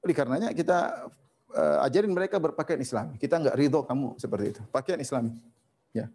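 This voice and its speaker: A man giving an Islamic lecture on parenting in a conversational way, repeating phrases for emphasis and swinging between high and low. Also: sing-song, fast talker, a little mellow, husky. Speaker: Islamic preacher.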